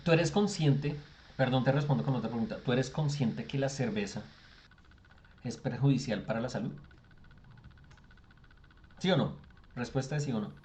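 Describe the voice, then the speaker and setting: A man's voice: mid-range voice, normal speed, long pauses, a little mellow. A man, teaching an online class and explaining with lots of rhetorical questions. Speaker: English tutor. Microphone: video call.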